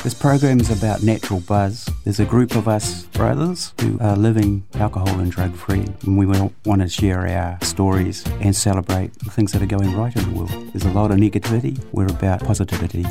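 A man introduces a programme in a fairly low voice with plenty of fry. Clear music plays behind him as he delivers the promotional intro. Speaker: programme presenter in a recorded intro.

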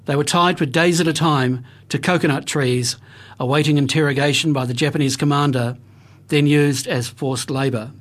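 A man's voice: a little high, steady tone, normal speed, fairly bright tone. Grave New man reporting. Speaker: radio reporter. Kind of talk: scripted documentary narration.

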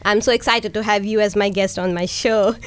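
A woman's voice: medium pitch, steady tone, a little fast, clear, resonant tone. A woman from India with an Indian English accent, hosting a community radio interview with enthusiasm. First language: Hindi. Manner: enthusiastic, warm greetings and frequent laughs. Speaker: radio show host.

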